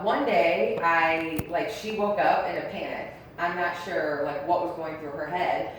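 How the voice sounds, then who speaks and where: A young woman doing a stand-up set, blunt and crude, full of ums and likes. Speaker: stand-up comedian. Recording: echoey room, mic far off, faint rumble.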